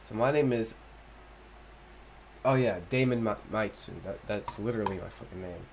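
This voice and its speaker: A man's voice: lowish voice, moderate pace, a little hiss or hum. A young man doing let's-play commentary, reading game text aloud and cracking profane, slangy jokes. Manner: joking and profane, with slangy asides. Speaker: gaming YouTuber.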